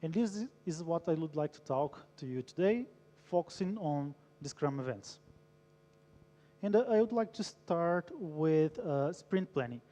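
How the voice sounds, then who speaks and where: An animated but unhurried Brazilian man, his voice on the high side yet dark in tone, gives an engaging conference talk. He tells a story and polls listeners in a large hall, heard through long reverb.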